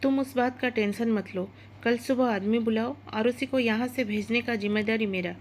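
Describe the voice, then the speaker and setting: A woman's voice: a little high, normal speed, darkish tone, a little hiss or hum, lightly acted. A woman voicing a commanding, rich young male businessman in a storybook narration, giving firm orders. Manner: firm, decisive.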